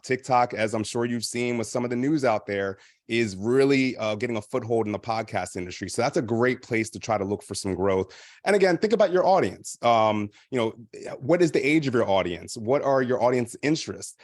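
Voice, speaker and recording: The founder of a podcast company, a man with a medium-pitched voice recorded in studio quality without echo, speaks on a panel. He explains practical advice at length, using many fillers.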